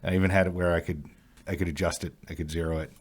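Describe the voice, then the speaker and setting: A man with a very deep voice co-hosts a casual podcast. He is from Utah and California and talks haltingly with many fillers. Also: little pitch movement. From Utah and California, USA. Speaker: podcast co-host.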